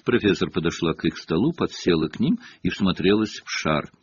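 A man narrating an audiobook with expressive storytelling. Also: sits low, fairly quick, slightly rough. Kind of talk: audiobook reading. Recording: dull lo-fi cassette audio.

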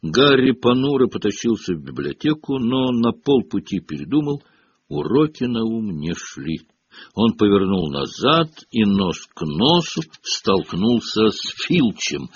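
A man reading an audiobook with expressive storytelling. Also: on the low side, measured pace, slightly rough. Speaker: audiobook narrator. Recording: dull lo-fi audio.

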